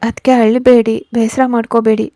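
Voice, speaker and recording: A woman's voice: fairly high pitch, flat delivery, normal speed, no room sound, clean studio sound, natural voice. A woman voicing a caring young brother-in-law who consoles a tearful woman, in a storybook reading. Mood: consoling. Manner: gentle, consoling.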